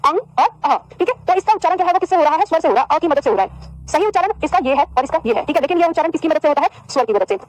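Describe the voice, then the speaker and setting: A woman teaching a Hindi grammar lesson to a class, asking questions and answering them herself, and repeating phrases slowly for students to write down. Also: very high-pitched, expressive, a little mellow, poor audio. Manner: addresses students as "beta", repeats phrases for dictation.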